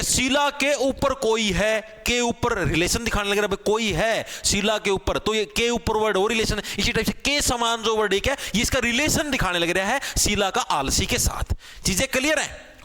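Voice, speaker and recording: A male teacher leading a live online grammar class, energetic and pushing students to answer fast. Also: high-pitched. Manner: calls students "bhai" again and again.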